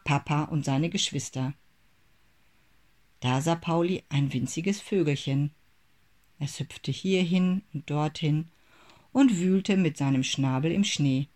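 A narrator reading a children's Christmas story aloud in a measured, expressive way. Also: medium pitch.

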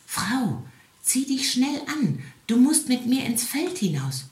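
A woman voicing a sly, stubborn little male hedgehog in a storybook reading, brisk and bossy. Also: big pitch swings, darkish tone, heavily acted. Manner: brisk and bossy, higher than the narration. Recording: echoey room.

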